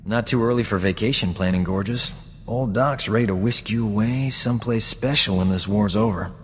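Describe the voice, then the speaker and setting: Actor as cocky, low-voiced space doctor, reverberant. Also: male voice, fairly quick, a little hiss or hum, close to an everyday voice. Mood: flirtatious, suave. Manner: smug, flirtatious, self-assured banter. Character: cocky, flirtatious male frontier doctor, smooth-talking adventurer. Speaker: video game companion character. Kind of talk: video game voice acting. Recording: long hall reverb, game music underneath.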